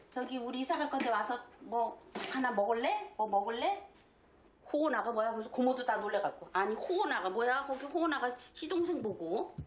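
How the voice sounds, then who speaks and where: An older woman as a mother-in-law, scolding and complaining in a heated family argument. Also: fairly high pitch. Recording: echoey room with faint noise.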